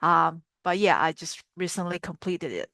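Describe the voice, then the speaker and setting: A woman in her twenties from China, a psychologist, calmly recalling her path in an interview. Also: lowish voice, moderate pace, creaky, no room sound. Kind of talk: calm interview recollection.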